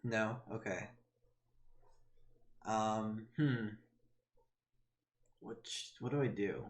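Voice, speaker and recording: A man's voice: fairly low pitch, very slow. A male streamer playing a text adventure, reading the game text aloud with hesitant ums and wry self-mocking asides. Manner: hesitant, many ums and trailing thoughts.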